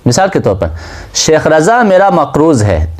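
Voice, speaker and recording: Male seminary teacher, lively rising and falling pitch, slightly high voice, asks and answers his own questions. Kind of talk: classroom lecture on Islamic law.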